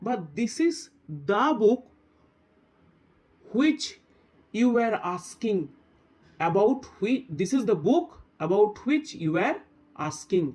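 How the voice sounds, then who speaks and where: Man, grammar teacher, step-by-step explaining, slow reading of examples, frequent check-ins. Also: high voice, expressive, darkish tone. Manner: reads English examples slowly. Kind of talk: grammar lesson.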